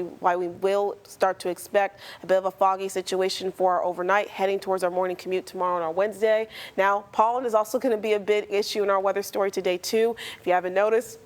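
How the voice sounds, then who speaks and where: A woman delivering a TV weather forecast in a fast, even, somewhat repetitive way. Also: medium pitch. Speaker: TV meteorologist.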